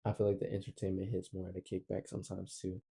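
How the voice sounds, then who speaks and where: Laid-back young man with a gravelly voice. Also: deep voice, monotone, warm tone. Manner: laid-back, agreeable, drawn-out pauses. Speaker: podcast co-host. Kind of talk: casual chat.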